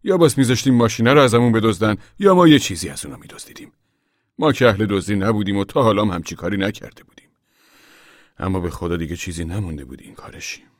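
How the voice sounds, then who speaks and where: A man's voice: on the low side, expressive, no echo, clean studio sound, natural voice. A man voicing an older, weary farm worker and father who talks in a bitter, worn-down way.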